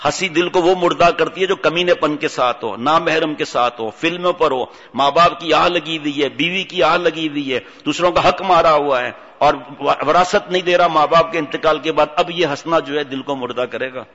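A man preaches with a bright, forceful, fairly high voice, telling funny stories and acting out characters in a lively way. The sound is dull and rolls with a long hall reverb. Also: few pauses. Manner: animated storytelling, acts out voices. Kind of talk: humorous religious sermon.

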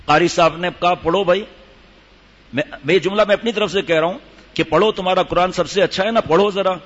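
A man's voice: high voice, a bit bright. Older man preaching in a dull hall. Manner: storytelling, demonstrates recitation. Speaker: religious teacher. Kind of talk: sermon to a gathering.

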